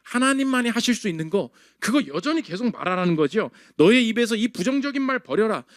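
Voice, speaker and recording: A male pastor preaching a sermon in an animated way, acting out the voices he quotes. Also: high voice, fast talker, dry recording, clean studio sound.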